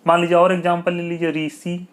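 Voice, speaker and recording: A man's voice: sits high, monotone. A man teaching an exam-prep grammar lesson, repeating key points and asking checking questions. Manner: slow, repetitive, asks checking questions.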